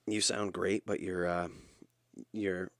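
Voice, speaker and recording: Laid back podcast guy, lowish voice, dry close sound, says you know a lot. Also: level tone, slow pace, no echo. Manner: easygoing, lots of fillers like "you know". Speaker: podcast co-host. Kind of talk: casual podcast chat.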